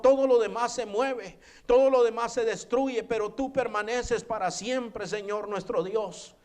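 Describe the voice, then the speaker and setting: Man, pastor, high voice, fervent sermon and prayer, repetitive refrains. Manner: fervent, repeats "Señor" and "hermano" as refrains. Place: church.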